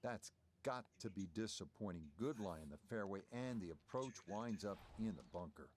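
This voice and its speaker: A man giving measured play-by-play as a golf commentator in a video game broadcast style. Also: lowish voice, expressive, a little hiss or hum, close to an everyday voice. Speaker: golf commentator, lead announcer.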